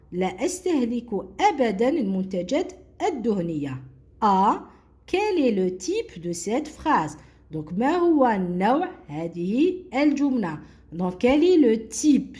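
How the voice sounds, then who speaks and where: A woman teaching a French grammar lesson, mixing French and Arabic and slowly repeating words for students to write. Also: a little high, a little mellow. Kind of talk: classroom lesson explaining grammar.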